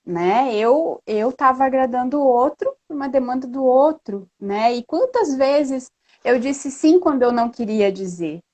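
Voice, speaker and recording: A woman's voice: sits high, measured pace. Earnest woman telling a story. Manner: earnest, lively storytelling with frequent "né?". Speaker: guest. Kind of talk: casual live chat.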